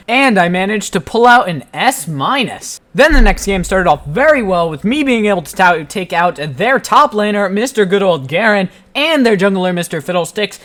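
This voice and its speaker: A man narrating his own gameplay in a voice-over, playful and self-mocking with deadpan jokes. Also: high-pitched. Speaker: gaming channel host. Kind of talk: joking gameplay commentary voice-over.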